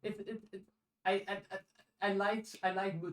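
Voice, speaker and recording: A man with a high-pitched voice co-hosts a podcast, speaking unhurriedly in a level tone with a reverberant sound. Chatting casually about audiobooks, he often repeats words as he starts his sentences.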